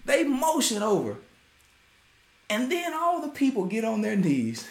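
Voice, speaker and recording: A man delivers an informal sermon, high-pitched and highly animated, laughing between points. His voice rings in a roomy, echoey space. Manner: animated, laughs often, Southern US vernacular. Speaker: preacher.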